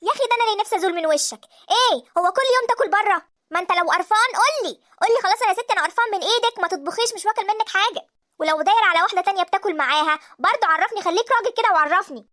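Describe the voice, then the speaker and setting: A woman in her thirties voicing a suspicious, fed-up wife in an Egyptian cartoon, with an Egyptian accent and a sharp, accusing manner. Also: high-pitched, racing. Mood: furious. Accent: Egyptian Arabic. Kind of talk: cartoon voice acting.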